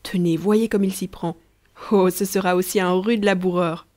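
A woman voicing a gentle, sly young peasant woman who talks soothingly and patiently to a small child in a storybook. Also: on the low side, steady tone, moderate pace, close to an everyday voice. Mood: playful.

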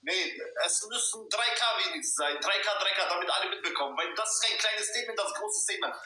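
A man's voice: high-pitched, quick pace, sharp tone. A young man hosting a livestream by phone, talking casual slang and repeating himself for emphasis. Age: young adult. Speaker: livestream host. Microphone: phone on a video call. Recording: roomy echo, faint noise.

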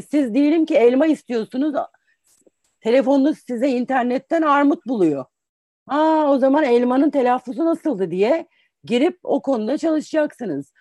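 A woman's voice: fairly high pitch, darkish tone, dry recording. A woman in her forties, an English teacher, giving patient, explanatory advice in an interview and restating points with examples. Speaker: English teacher and career guest.

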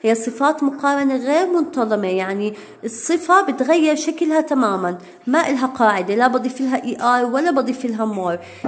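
Woman teacher slowly spelling out rules. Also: a little high. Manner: switches between slow, deliberate English and quick Arabic explanations; stretches out English example words. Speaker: English teacher. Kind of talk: recorded classroom grammar lesson.

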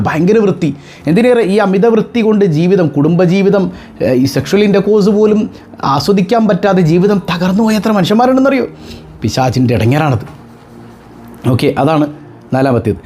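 A man, a religious teacher giving an animated talk to his followers, full of rhetorical questions and joking asides. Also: sits high, slight background noise.

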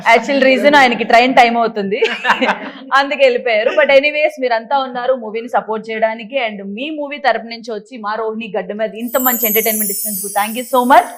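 A woman's voice: on the high side, steady tone, quick pace. A woman hosting a playful quiz game show, teasing and bossy, mixing English words into her talk.

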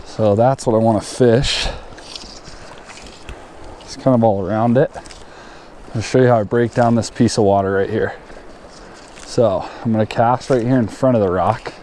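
A man's voice: fairly low pitch, steady tone, moderate pace, long pauses, warm tone, a little hiss or hum. A young man vlogging as he fly fishes a river, casually explaining where and how he casts. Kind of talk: casual outdoor vlog narration. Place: outdoors on a river. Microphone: action camera.

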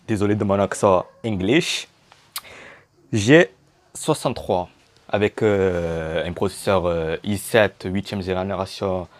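A young man casually unboxing a laptop in a vlog, joking and slangy. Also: fairly low pitch. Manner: joking, slangy, slow and chatty. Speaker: YouTuber.

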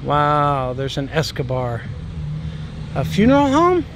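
Taking it slowly, a man with a high-side voice whose pitch swoops wildly muses aloud as he walks and films city streets. This native English-speaking travel vlogger rambles casually, often asking "right?", amid traffic and street noise.

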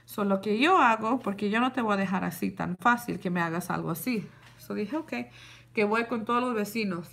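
Woman, young adult, casual storytelling, animated, code-switching. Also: mid-range voice, fairly quick, vocal fry. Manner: animated, switches between Spanish and English. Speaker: vlogger. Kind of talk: casual storytime to a live audience.

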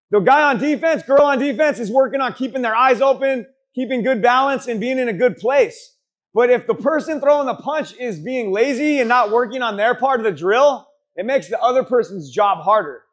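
A man's voice: very high voice, expressive, fairly quick. A man coaching a boxing class, blunt, profane and motivational, urging trainees on and quizzing them as he teaches drills. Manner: asks the group questions and answers them. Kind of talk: hands-on drill instruction to a class. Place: boxing gym during a group class.

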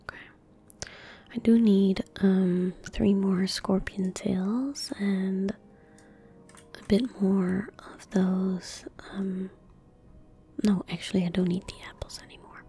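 A young adult ASMR gaming streamer whispers hushed commentary on a game, soft and breathy, very slow and gentle with a mellow tone. Her medium-pitched voice barely moves in pitch as she sits at a desk indoors right up against a close desk microphone. Keyboard typing and mouse clicks sound behind her, with slight background noise.

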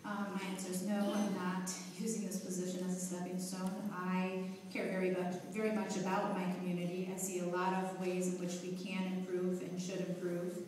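A woman, a candidate, giving a calm, earnest debate answer. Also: lowish voice, a little fast, few pauses. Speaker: aldermanic candidate. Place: large hall with stage. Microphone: far phone camera. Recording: echoey hall from far off.

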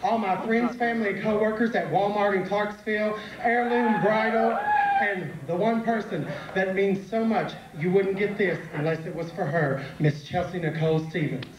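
A man's voice: high-pitched, steady tone, normal speed. A man giving a formal thank-you speech on stage as a pageant contestant. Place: theatre stage, indoors. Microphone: handheld stage mic, filmed from audience. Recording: echoey hall, very noisy, loud crowd.

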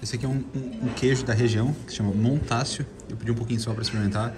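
Inside a busy restaurant, a travel food vlogger with a southern Brazilian accent tastes food and chats informally, often repeating himself. Originally from Santa Catarina, he speaks very fast in a steady, mid-range voice.

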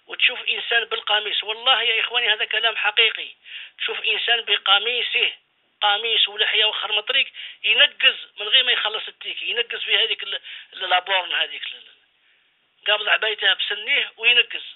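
Fast, high-voiced imam preaching by phone. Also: male voice, steady tone. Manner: exhorting, rhetorical questions, repeats phrases. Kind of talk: radio sermon. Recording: phone-line radio call-in.

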